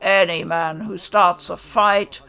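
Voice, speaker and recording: A woman's voice: fairly low pitch, fairly even intonation, slow, gravelly, sharp tone, clear, resonant tone, faint music behind, full character voice. A woman voicing a stern, harsh male samurai commander who scolds with contempt. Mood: scornful.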